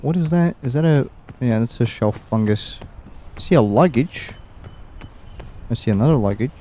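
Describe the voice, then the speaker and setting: A man's voice: medium pitch, expressive, moderate pace, mellow, a little hiss or hum. A young man streaming a game, rambling and musing aloud with easy chuckles as he plays. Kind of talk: casual gameplay commentary.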